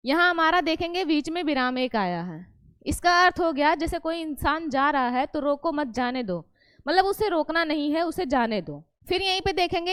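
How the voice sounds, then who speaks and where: A woman's voice: high-pitched, fairly bright tone, dry recording. A woman teaching a Hindi grammar lesson, repeating each point and quizzing the class with questions she answers herself. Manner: self-correcting, explains patiently.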